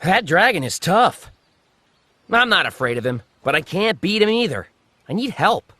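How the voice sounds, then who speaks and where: A man voicing a brash, hot-tempered monkey king in a children's animated story, boastful and cheeky. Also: sits high, moderate pace, no room sound, full character voice. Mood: frustrated. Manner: boastful, impudent.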